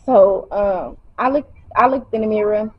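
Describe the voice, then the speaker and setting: A woman's voice: medium pitch, measured pace, breathy edge. A woman telling her own story to camera in a casual, emotional way, fighting back tears as she speaks. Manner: emotional, holding back tears, colloquial and direct. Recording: dull lo-fi sound.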